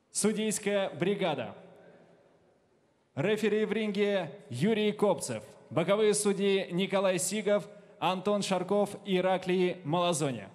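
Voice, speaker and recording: High-pitched young male boxing ring announcer. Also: a little mellow. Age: young adult. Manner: ceremonial, drawn-out fighter names. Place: large indoor boxing arena. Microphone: handheld microphone.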